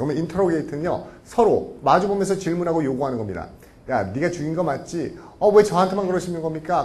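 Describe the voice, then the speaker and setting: A man giving a lively vocabulary lecture, often asking the class rhetorical questions and acting out short scenes. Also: mid-range voice. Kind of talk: lively lecture with acted anecdotes.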